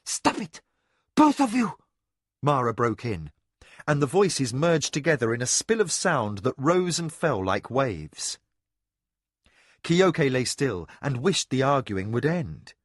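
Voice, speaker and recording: Expressive male audiobook narrator. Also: mid-range voice, slow pace, dry recording, studio quality. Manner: expressive storytelling. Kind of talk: scripted narration.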